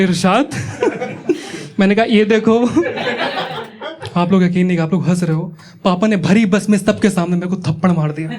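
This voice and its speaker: A young man from Uttar Pradesh doing stand-up, telling stories in a chatty way, teasing the audience and acting out the people in them. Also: high-pitched. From Uttar Pradesh, India. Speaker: stand-up comedian. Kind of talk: stand-up comedy storytelling. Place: comedy club stage before a live audience. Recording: live show with audience laughter.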